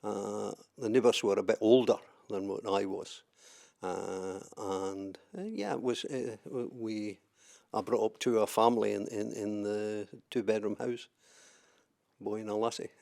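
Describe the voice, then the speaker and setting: An older man from southwest Scotland, a trade unionist, talks unhurriedly in a fairly low, gravelly and slightly mellow voice. Interviewed for an oral history, he recounts his life with frequent hesitations, fillers and repeated words.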